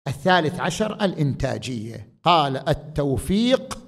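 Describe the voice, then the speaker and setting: A man delivering a religious lecture, moving from quiet talk to loud, emphatic declaiming. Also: a little high, big pitch swings, normal speed, vocal fry. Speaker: preacher.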